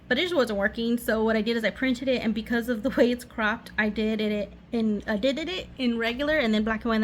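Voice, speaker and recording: A woman giving a casual, rambling craft show-and-tell in her living room over a running washing machine, often losing her thread and interrupting herself. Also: fairly high pitch. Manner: scattered, self-interrupting, giggly asides. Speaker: craft vlogger. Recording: washing machine noise in background.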